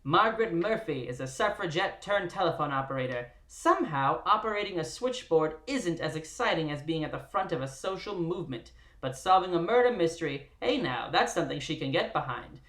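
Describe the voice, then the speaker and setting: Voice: mid-range voice, lively intonation, a little fast, hardly any pauses, fairly bright tone, reverberant, close to an everyday voice. Host putting on a theatrical 1920s radio announcer. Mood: dramatic. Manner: theatrical, punchy announcer delivery. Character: old-timey 1920s radio announcer narrator.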